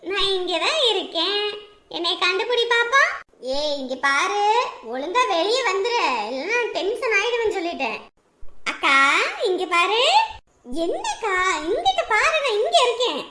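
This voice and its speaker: A high, bright-toned woman's voice carries the warmth of a grieving elder sister from a. She speaks tenderly and pleadingly, her voice set in an echoey room. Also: sing-song, normal speed, heavily acted. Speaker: actress in a family drama. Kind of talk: emotional village drama dialogue.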